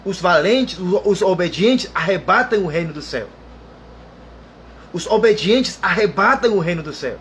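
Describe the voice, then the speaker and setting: High-voiced man preaching a sermon. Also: fairly bright tone, a little hiss or hum. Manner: repetitive, emphatic preaching with frequent "irmão" and "aleluia".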